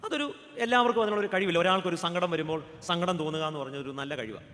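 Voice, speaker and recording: Male Keralan pastor, joking sermon, high bright voice, long hall reverb. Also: fast. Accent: Keralan Malayalam. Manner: joking, asks the audience questions. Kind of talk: humorous sermon.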